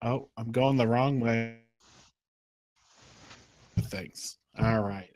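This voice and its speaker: A man's voice: medium pitch, very slow, a little mellow. Guy hosting a game night show, jokey and easygoing, laughs a lot. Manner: playful, laughs often. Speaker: show host.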